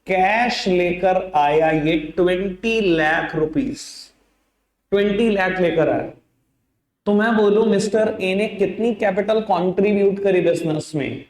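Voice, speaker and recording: A man teaches an accounts lesson, coaxing his students and calling them by pet names. His voice sits a little high. The classroom around him is echoey. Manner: coaxing, addresses students as beta and babu. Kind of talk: classroom lecture.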